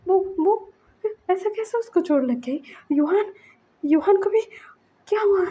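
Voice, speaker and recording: A woman's voice: high-pitched, lively intonation, normal speed, mellow, lo-fi sound. A woman voicing a frantic young father who stammers in panic over his hurt child. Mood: panicked.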